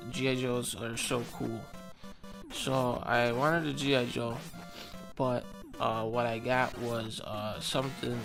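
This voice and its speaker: A man's voice: medium pitch, creaky. A man doing let's play commentary, rambling through absurd improvised stories and swearing casually. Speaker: gaming commentator.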